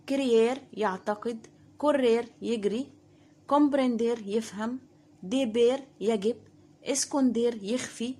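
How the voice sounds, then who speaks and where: A woman's voice: on the high side, darkish tone. Egyptian woman, online language teacher, patient and methodical. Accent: Egyptian Arabic. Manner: patient, repeats each word and meaning slowly. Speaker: Spanish teacher.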